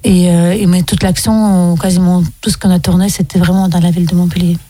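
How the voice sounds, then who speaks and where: A woman's voice: on the low side, flat delivery, fairly quick, mellow, no room sound. A young woman from Russia, a film director, answering radio interview questions with many hesitant ums.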